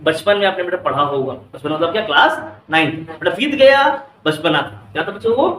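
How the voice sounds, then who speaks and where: A man's voice: fairly high pitch, lively intonation, a little fast, bright, forceful tone, slight background noise. Quizzing male teacher in an echoey classroom. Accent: Indian English. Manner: keeps quizzing students, calls them beta. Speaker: physics teacher. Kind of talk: classroom lecture in Hindi and English. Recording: echoey classroom, mic far off.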